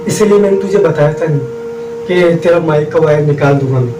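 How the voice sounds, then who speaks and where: A man's voice: a little high, a little fast. A man speaking as a motivational speaker, telling a personal story dramatically, with repeated rhetorical questions. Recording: roomy, distant, noisy recording.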